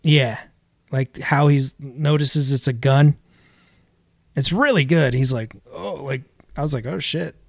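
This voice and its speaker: A man's voice: mid-range voice, unhurried, dry recording. Guy hosting a podcast, walking thru a movie plot, dead dry mic. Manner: recaps scenes in plain narration. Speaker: podcast host recapping a film. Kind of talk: casual podcast chat.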